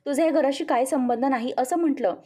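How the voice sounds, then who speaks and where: A woman's voice: high-pitched, a little fast, dark tone. A woman voicing a hurt little girl complaining to her mother about being pushed away.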